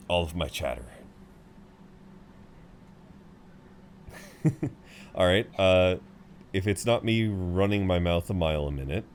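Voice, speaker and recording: Sitting low and close to an everyday voice, this man is heard with a little hiss or hum. In an intimate roleplay audio he voices one side of a conversation as a tall, friendly frequent flyer, chatty and good-humoured, rambling kindly to reassure his seatmate.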